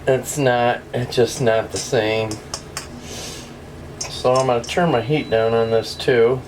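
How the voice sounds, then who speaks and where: Slow, chatty woman cooking at home. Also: a bass voice, fairly even intonation, background noise. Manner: chatty, homey, addresses viewers directly. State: losing her voice. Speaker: home cook host. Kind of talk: casual cooking demonstration. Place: home kitchen. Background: sizzling pan and kitchen sounds.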